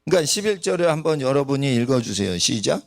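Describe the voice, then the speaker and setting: A man's voice: mid-range voice, sing-song, fast talker, vocal fry, no room sound. A man preaching a sermon in a church, asking the congregation rhetorical questions. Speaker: pastor. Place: church sanctuary.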